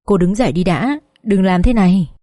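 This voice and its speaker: A woman voicing a grave, formal male doctor who speaks in a measured way in an audiobook story. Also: mid-range voice, lively intonation, warm tone, no room sound, clean studio sound, lightly acted.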